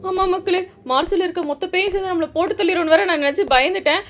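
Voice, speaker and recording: A woman hosting a gaming channel, giving excitable, jittery commentary on a horror game and talking straight to her viewers. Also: extremely high pitch, quick pace, a little hiss or hum.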